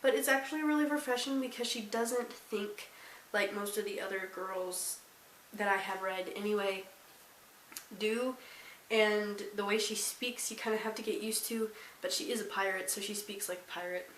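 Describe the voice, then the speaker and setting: A woman's voice: mid-range voice, fairly even intonation, normal speed, fairly bright tone. Teen girl book vlogger, rambling and casual, echoey room. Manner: chatty, rambling, self-deprecating asides. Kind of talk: casual monthly reading wrap-up. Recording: roomy, slightly distant, faint hiss.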